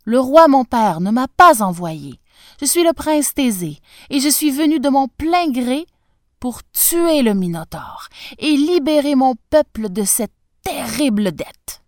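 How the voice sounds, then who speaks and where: A woman's voice: high voice, big pitch swings, a little slow, darkish tone, dry recording, clean studio sound. A woman voicing a bold, eager young prince, earnest and impassioned.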